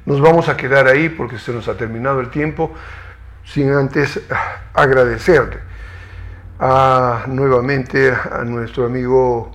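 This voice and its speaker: A man hosting a televised science interview, asking measured, formal questions. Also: medium pitch, steady tone, fairly bright tone.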